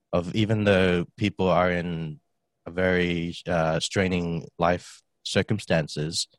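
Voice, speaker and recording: A man's voice: low-pitched, no room sound. A man, a podcast guest talking casually and rambling with many fillers. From Australia. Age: 20s. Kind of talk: casual conversation.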